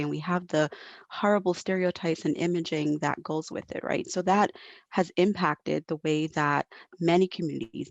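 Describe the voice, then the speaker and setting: A woman from Barbados, a mental health professional, speaks on a panel in an articulate, emphatic way, repeating phrases for weight as she explains and advocates. Her voice is deep and gravelly, with no echo.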